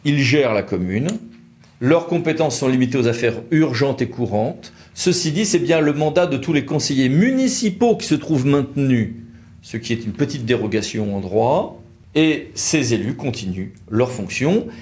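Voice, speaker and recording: Animated and at normal speed, a man with a French accent walks viewers through the law in a law firm's video, asking questions and answering them in casual terms. His medium-pitched voice is a little mellow, with slight background noise.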